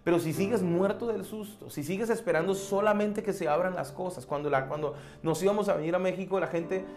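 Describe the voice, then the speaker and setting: A man's voice: sits high, fairly quick, a little mellow, faint music behind. A man, a pastor, preaching a sermon and telling a personal story in an earnest way, repeating key phrases.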